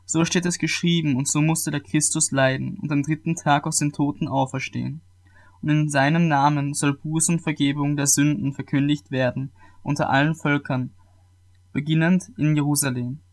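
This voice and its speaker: Male scripture reader, a touch higher-pitched than most men, steady and measured, slight restarts now and then. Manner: measured reading with occasional small restarts. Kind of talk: reading scripture aloud.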